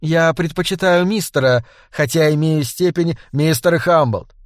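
A man voicing a soft, purring, ingratiating male lawyer in an audiobook, with an unctuous mock-caring manner. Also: on the high side, unhurried, no echo, clean studio sound, natural voice. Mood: oily, soft. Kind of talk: audiobook character voice.

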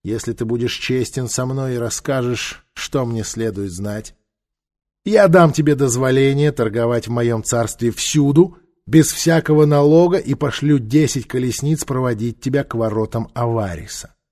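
A man's voice: medium pitch, normal speed, a little mellow, close to an everyday voice. A male narrator voicing a cruel, domineering pharaoh warlord who barks orders and threats. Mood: lordly. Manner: barking, commanding.

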